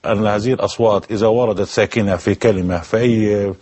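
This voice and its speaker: A man, a guest scholar explaining in a lecturing way, often pausing and restarting words. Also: on the low side, fairly even intonation, mellow.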